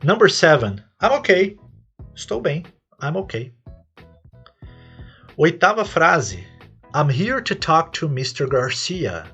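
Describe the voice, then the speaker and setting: A man's voice: on the high side, big pitch swings, slow, long pauses, a bit bright, husky, soft background music. A man with a Brazilian Portuguese accent hosting a podcast lesson as an English teacher, explaining patiently step by step and lifting his voice on each English example phrase.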